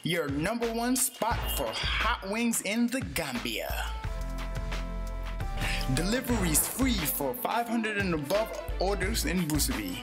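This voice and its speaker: A woman's voice: on the low side, very animated, takes it slowly, music in the background. A woman reading a scripted cafe advert as a voice-over in an upbeat promotional delivery. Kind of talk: scripted ad narration.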